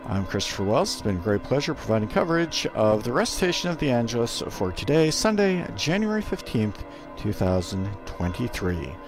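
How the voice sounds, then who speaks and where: A man doing live radio commentary from a studio, interpreting a speech in short, halting phrases. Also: medium pitch, sing-song. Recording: music audible behind. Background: music.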